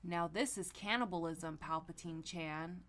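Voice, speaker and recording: A woman's voice: on the low side, a little slow, a bit bright. A timid cartoon cucumber with a naughty streak acted out by a woman. He pleads and hints suggestively, as in a parody storybook. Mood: smug.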